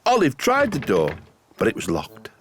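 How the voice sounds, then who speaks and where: A woman's voice: extremely low pitch, moderate pace, soft background music. Woman telling a kids cartoon story, voice swoops up and down a lot. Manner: expressive, storytelling delivery. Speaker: narrator. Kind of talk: scripted storybook narration.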